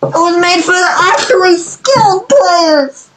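A raging, self-deprecating gamer yelling and whining in frustration while reacting to gameplay. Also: very high voice, expressive, a little slow, heavy background noise. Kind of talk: unscripted gameplay reaction, rage commentary. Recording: loud game music behind voice. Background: electronic game music.

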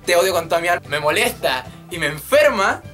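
Man, twenties, Chilean Spanish accent, animated, crude jokes, faint music behind. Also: high voice, fairly quick. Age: 20s. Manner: animated, swears freely, jokey rants. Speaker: YouTube channel host. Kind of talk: casual vlog chat. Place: small room with a drum kit. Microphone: webcam at desk.

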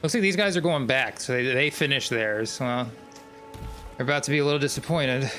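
A man's voice: medium pitch, brisk, bright, forceful tone, faint music behind. A man streaming a video game, commenting casually, swearing often and bursting into sudden screams. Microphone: desk microphone.

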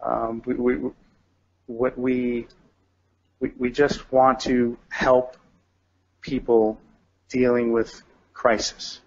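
A man giving an interview in the calm, direct, measured way of a hostage negotiator. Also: medium pitch. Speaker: guest, retired police detective and hostage negotiator. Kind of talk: radio interview. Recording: dull, lo-fi audio.

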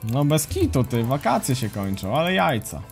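A man's voice: mid-range voice, moderate pace, gravelly. Laid-back male game streamer, chatting. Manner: relaxed, chatty, slangy, greets viewers by name. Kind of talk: casual live commentary while playing and reading chat. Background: faint music and keyboard typing.

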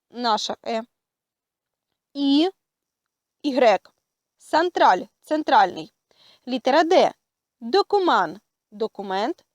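A woman with a Ukrainian accent teaching a language lesson, speaking carefully and pausing often with hesitant fillers. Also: on the high side, darkish tone, no room sound, studio quality. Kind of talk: slow spoken lesson.

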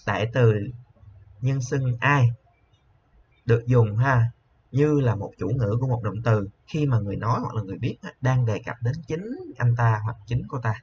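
A male teacher explains an English lesson. He is patient, repeats each word slowly, and often adds a soft tag to his sentences. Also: medium pitch. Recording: slightly dull lo-fi with faint hiss.

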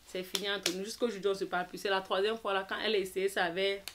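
A young adult woman vlogger telling a personal story in an animated, quick way, acting out the dialogue. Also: medium pitch, a little hiss or hum. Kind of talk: storytime vlog.

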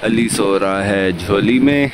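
A young man talking softly and coaxingly to a small child, voice raised higher than usual. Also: slow, noisy background. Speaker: vlogger.

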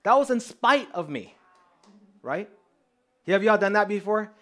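Lively storytelling preacher, higher-voiced man. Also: unhurried. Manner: lively storyteller, acting out dialogue; conversational, addresses the congregation directly. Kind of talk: sermon with testimony stories.

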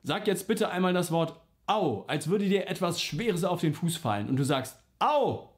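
A man's voice: high voice, lively intonation, normal speed. A man teaching a singing lesson, explaining simply and patiently, and sometimes singing vowel slides to show an exercise. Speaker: vocal coach.

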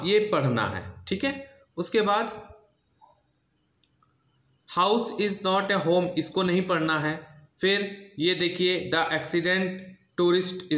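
A man leads a syllabus lesson in a slightly high, bright voice. He speaks steadily and repeats himself, checking in with students again and again. The room echoes noticeably. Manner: steady, repetitive teaching with frequent "theek hai" check-ins. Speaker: English teacher.

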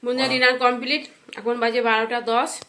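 A woman's voice: on the high side, level tone, brisk, bright, forceful tone. A woman in her thirties, a home vlogger and mother, chatting casually to her viewers while she cooks at home. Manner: chatty, talks straight to viewers while cooking. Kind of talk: casual vlog narration to viewers. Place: home kitchen indoors. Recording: clattering kitchen noise behind. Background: dishes, pots and cutlery clatter.

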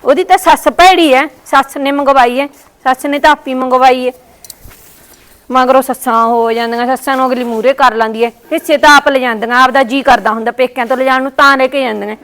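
A woman playing a spiteful, scheming young sister-in-law who talks in a sharp, scornful way in a family short drama. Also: high voice, fairly even intonation, brisk. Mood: grumbling. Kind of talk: family short-video acting.

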